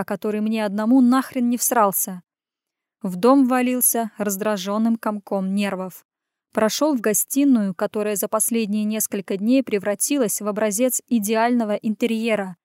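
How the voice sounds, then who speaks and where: A woman reading a first-person audiobook as a male hero, in a gruff, sardonic way. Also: medium pitch, darkish tone, no echo, clean studio sound. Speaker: audiobook narrator. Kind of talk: scripted first-person narration.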